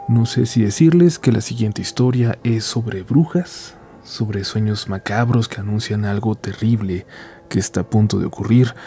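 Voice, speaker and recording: A Mexican man hosting and narrating scripted horror stories in Spanish with a Mexican accent, in a grave, suspenseful, hushed manner with dramatic pauses. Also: on the low side. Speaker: horror story podcast host and narrator.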